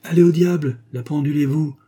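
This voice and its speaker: A man voicing an excitable young lawyer who loses his temper quickly. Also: fairly high pitch, voice pushed up, lightly acted. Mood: exasperated. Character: impatient young male lawyer, lovestruck.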